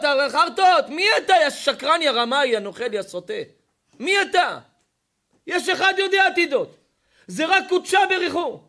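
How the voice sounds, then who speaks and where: A rabbi preaching with a very high, bright voice. He moves between storytelling and pointed rhetorical questions and presses each point hard. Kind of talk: sermon.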